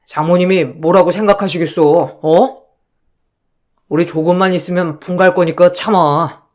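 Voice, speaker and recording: A man's voice: high voice, steady tone, moderate pace, close to an everyday voice. A man voicing a meek young husband stuck between his wife and mother, pleading and apologetic in a dramatized story. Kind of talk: story narration dialogue.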